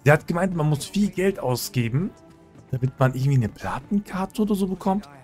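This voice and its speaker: Casting: Let's-Player, Mann, locker und verspielt, redet mit Spielfiguren. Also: male voice, on the high side, lively intonation, brisk, a little mellow, soft background music. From German-speaking country. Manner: chatty and joking, talks to game characters. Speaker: let's play host. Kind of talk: casual gameplay commentary.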